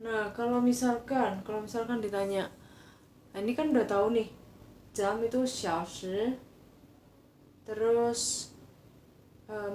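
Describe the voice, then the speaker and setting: A woman from Indonesia teaches Mandarin in an unhurried live online lesson, walking through each point slowly. Her voice rings in an echoey room with a faint hiss behind it. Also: on the high side, mellow. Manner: slow, explaining step by step in casual Indonesian.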